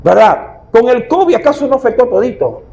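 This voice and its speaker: Lively high-voiced pastor preaching. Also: male voice, brisk, vocal fry, poor audio. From Ecuador. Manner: animated preaching with rhetorical questions to the congregation. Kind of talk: sermon.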